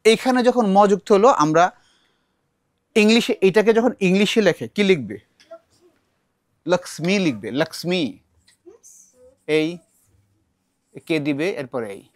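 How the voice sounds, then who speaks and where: A man's voice: sits high, dry recording. Dry-voiced man teaching pronunciation. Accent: Bangladeshi Bengali. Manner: explains patiently, repeats words to model pronunciation. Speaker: recitation teacher. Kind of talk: classroom lesson.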